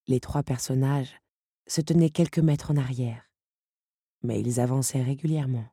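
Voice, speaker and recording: A woman narrating an audiobook chapter with expressive, dramatic storytelling. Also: rumbling low, moderate pace, husky, no room sound, clean studio sound.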